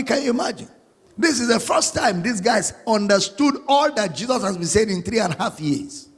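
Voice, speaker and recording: A man preaching a sermon as a pastor, singing out scripture lines and spelling words slowly. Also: high voice, fairly bright tone, slightly rough, long reverb tail.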